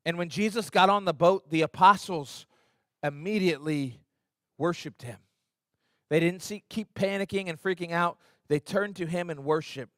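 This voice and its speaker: A man with a fairly high voice preaches an earnest, conversational sermon. He acts out the quotes with energy. The sound is close and dry, with almost no room echo. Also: normal speed. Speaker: pastor. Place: church sanctuary.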